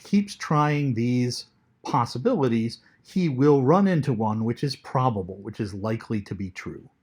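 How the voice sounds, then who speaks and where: A man's voice: mid-range voice, a little mellow. A man teaching a recorded class lecture in a conversational way, now and then reading quoted lines aloud with dramatic flair.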